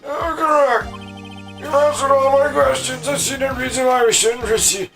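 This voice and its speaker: Casting: man acting out grumpy elderly game judge, raised pitch, formal courtroom delivery, music behind. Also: fairly even intonation, moderate pace, vocal fry. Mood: stern, formal. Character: old male judge presiding over a murder trial.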